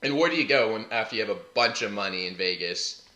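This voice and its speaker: A man co-hosting a podcast, telling stories in a casual, laughing, animated way. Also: lowish voice, fast, reverberant. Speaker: podcast co-host. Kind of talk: casual storytelling chat.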